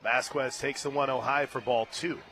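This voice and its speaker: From a stadium booth, an American man calls live play-by-play on the radio in a mid-range voice with fairly even intonation and a normal pace. Behind him are a ballpark crowd and faint music.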